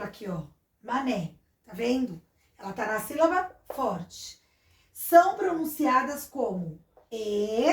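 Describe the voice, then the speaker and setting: Brazilian woman teacher, kinda high voice, patient step by step explaining, roomy echo. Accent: Brazilian Portuguese. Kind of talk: recorded classroom lesson. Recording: echoey room.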